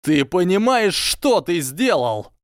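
A man voicing a proud young boy wizard who shouts and chokes with rage. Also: medium pitch, normal speed, dry recording, clean studio sound, voice pushed up, lightly acted. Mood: shouting.

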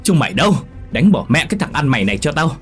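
A man voicing a greedy, cruel old landlord who shouts harshly and domineers. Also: on the high side, big pitch swings, fast talker, soft background music, voice pushed up. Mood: shouting angrily.

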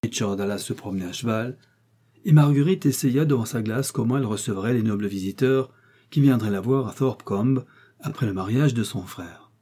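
Brief: male reader, measured classic-novel narration, husky and dark. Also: medium pitch. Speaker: audiobook reader. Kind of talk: scripted narration.

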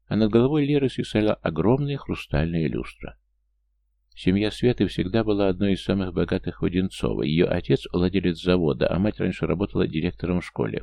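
Deep gravelly male narrator. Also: warm tone, no echo. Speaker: audiobook narrator. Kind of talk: scripted narration.

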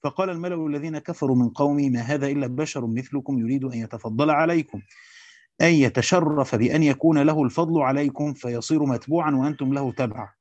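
Brisk Egyptian man teaching a text. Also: mid-range voice, darkish tone, no room sound, muffled recording. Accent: Egyptian Arabic. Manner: fast reading with hesitant restarts in the asides. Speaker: teacher reading and explaining a Quran commentary. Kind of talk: classical Arabic reading with Egyptian colloquial asides.

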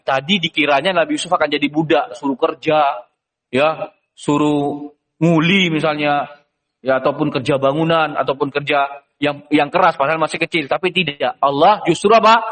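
A man teaching a religious lesson as a story, animated, asking rhetorical questions and filling with "ya". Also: a little high, in a large hall.

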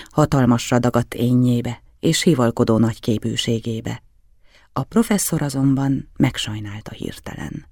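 Male audiobook narrator, measured and reflective, gravelly tone, dead-dry booth. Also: mid-range voice, a little mellow, dry recording.

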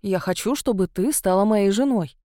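Woman reading a calm, self-assured young man. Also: mid-range voice, normal speed, dry recording, studio quality, natural voice.

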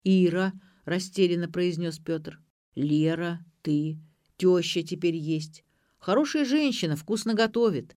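A woman voicing a confused, hungover alcoholic man who groans and drags his words out slowly. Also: lowish voice, a little mellow, dry recording, clean studio sound, close to an everyday voice. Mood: groaning muddled. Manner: slow, groaning, drawn-out.

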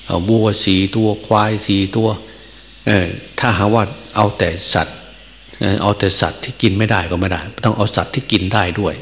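A man's voice: lowish voice, steady tone, fairly quick. A male Buddhist monk teacher telling a story in a sermon. He speaks in a folksy way, with many filler sounds and chuckles, in a temple hall. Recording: long reverb, faint hum.

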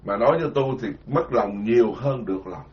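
A man's voice: mid-range voice, animated, fairly quick. A man giving a sermon as a Buddhist monk, colloquial and self-mocking. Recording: dull lo-fi sound.

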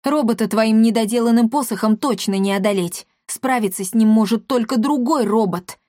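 A woman's voice: a little high, moderate pace, darkish tone, no echo, clean studio sound, lightly acted. A woman voicing a grumpy, sarcastic male talking cat in a storybook reading, grumbling and mocking.

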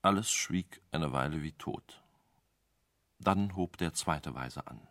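A man narrating a scripted radio drama with wry, expressive storytelling. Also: extremely low pitch, slow, no room sound.

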